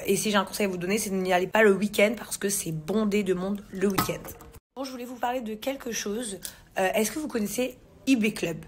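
Here a thirty-something vlogger from England talks at medium pitch into a phone camera held at arm's length, with slight background noise. Sitting in a large living room, she chats loosely with her followers, restarting sentences and using plenty of fillers and slang.

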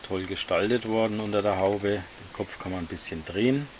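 A man casually reviewing action figures, talking in a relaxed, slightly halting way while he handles them. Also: on the low side, slight background noise.

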